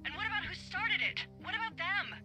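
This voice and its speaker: A woman's voice: extremely high pitch, lively intonation, brisk, music in the background, rough recording. An actress playing a wry, flirtatious woman fire lookout, talking naturalistically over a walkie-talkie in a video game. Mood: alarmed.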